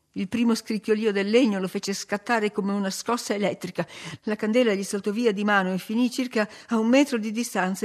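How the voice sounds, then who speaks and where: A woman reading a novel aloud as audiobook narrator, in measured, dramatic storytelling. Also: on the high side. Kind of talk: expressive literary narration.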